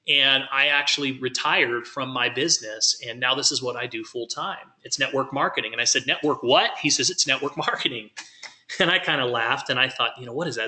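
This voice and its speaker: A man's voice: medium pitch, bright, forceful tone. A man giving a motivational workshop talk, telling his own story in a folksy way and acting out what others said. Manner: folksy storytelling, acts out quoted voices. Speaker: workshop speaker.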